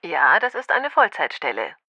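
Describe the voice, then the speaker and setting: A woman's voice: low-pitched, very animated, moderate pace, sharp tone, no echo, heavily acted. A woman playing a helpful, businesslike restaurant manager in a language-course dialogue, speaking courteously.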